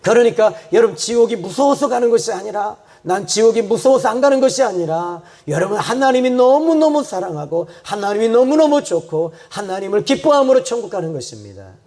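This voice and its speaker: A male pastor preaching a sermon and praying, swinging from loud fervent repetition to quiet, low reflection. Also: sing-song, a little fast, hardly any pauses. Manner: repeats phrases for emphasis. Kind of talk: sermon with prayer.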